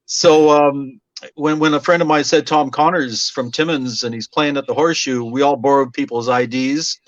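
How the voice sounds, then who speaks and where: A man's voice: mid-range voice, fairly even intonation, moderate pace, no echo, highs cut off. A man in his sixties, a radio DJ, telling stories in an interview with restarts and small chuckles. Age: 60s. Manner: rambling anecdotes with restarts and chuckles. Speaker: interview guest, DJ. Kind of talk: casual storytelling interview.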